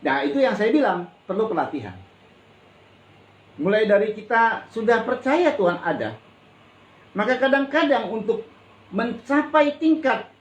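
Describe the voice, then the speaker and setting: Colloquial preaching man in an echoey church. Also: very high voice. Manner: conversational preaching, often addressing listeners as brothers and sisters; colloquial, with frequent exclamations and repetition. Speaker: pastor. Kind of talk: sermon. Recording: echoey hall with faint ambient noise.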